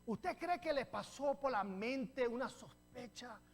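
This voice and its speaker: Animated preaching pastor, a man. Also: very high-pitched, takes it slowly, slight background noise. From New Jersey, USA. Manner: animated storytelling with rhetorical questions to the congregation; jokes with the congregation. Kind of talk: sermon.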